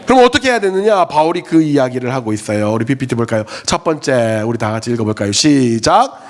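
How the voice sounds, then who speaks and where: A middle-aged man preaching to a youth group as their pastor, animated and joking, acting out stories as he goes. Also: medium pitch, fast talker. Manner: animated, storytelling, jokes and acts out scenes. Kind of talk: youth sermon.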